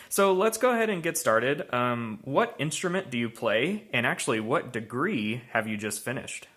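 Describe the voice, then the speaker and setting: A man hosting a school music program, reading an introduction and asking interview questions with some hesitant fillers. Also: medium pitch. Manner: lively intonation, hesitant fillers when asking. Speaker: host.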